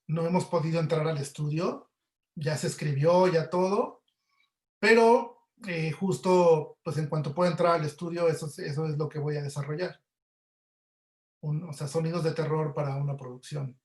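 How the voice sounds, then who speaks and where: Interviewed in an online webinar, this audio producer with a Mexican accent gives relaxed answers. His voice is a little high with a darkish tone, and he talks at a normal speed. The sound has a roomy echo.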